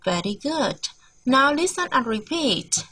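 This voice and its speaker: A woman from Vietnam teaching English to young children, modelling words slowly and emphatically for them to repeat and coaxing them with gentle questions. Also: high voice, very animated. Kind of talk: bilingual classroom lesson with listen-and-repeat drills.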